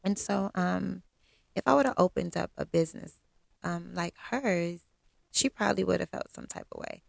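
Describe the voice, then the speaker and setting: Woman, gravelly fry, lowish voice, candid straight-talking storytime, dry close sound. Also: normal speed, dry recording. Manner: blunt, candid, self-assured straight talk with frequent ums. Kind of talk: personal storytime monologue.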